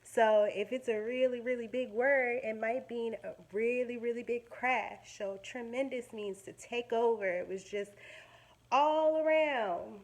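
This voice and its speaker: This is a woman teacher giving a lively, dramatic reading of a story for children, occasionally stopping to define words in plain language. She speaks on the high side.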